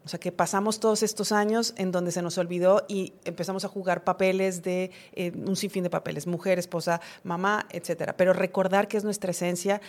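A woman's voice: fairly low pitch, little pitch movement, fairly quick, hardly any pauses. A middle-aged woman, a podcast guest, talking reflectively in a conversational interview and acting out her own inner dialogues.

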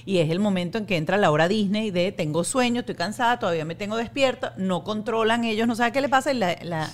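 A woman's voice: mid-range voice, expressive, quick pace. A woman hosting a casual chat, telling a family story and repeating words as she searches for them. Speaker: host.

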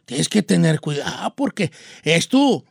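A man's voice: on the high side, sing-song, gravelly, breathy edge, no room sound, studio quality, pitched below the performer's own voice, heavily acted. A man doing a wise old guitar maker. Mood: solemn. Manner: slow, earnest advice-giving.

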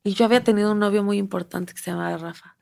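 A Mexican woman in her thirties, a comedian telling stories as a podcast guest, animated and often acting out what people said. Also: medium pitch, racing, vocal fry. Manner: animated storyteller, acts out quotes, laughs often. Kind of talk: casual storytelling interview.

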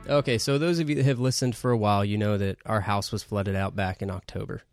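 A man co-hosting a podcast, casually retelling a story in a relaxed, chatty way. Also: lowish voice, fast, no echo, clean studio sound, soft background music. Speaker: podcast co-host.

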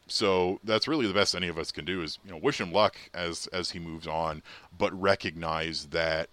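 A man's voice: sits low, moderate pace, a bit bright, no echo. A man talking earnestly on a sports podcast, rambling a little with restarts. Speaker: podcast co-host. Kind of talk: casual sports podcast chat.

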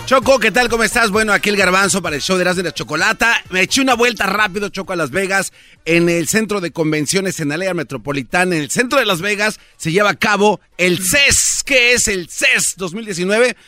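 A man working as a comic reporter on a radio show, loud and effusive, close to shouting. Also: high voice, fairly quick, no room sound, soft background music.

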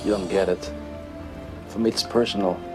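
A man plays a brooding action-film character nursing a grudge. He speaks on the low side in dramatic film dialogue, with clear music behind him. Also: fairly even intonation, normal speed, close to an everyday voice.

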